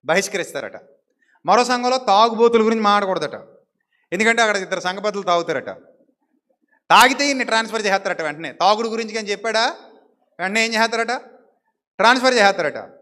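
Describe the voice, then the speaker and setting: A man's voice: high-pitched, fast, long pauses, bright, forceful tone, big-room sound. A male pastor preaching a sermon in a conversational way, acting out little dialogues and asking the congregation rhetorical questions.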